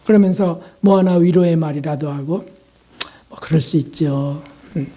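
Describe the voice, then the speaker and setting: An older man preaching a sermon as a pastor, earnest, asking his listeners questions and slipping into soft prayers. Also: fairly high pitch, normal speed.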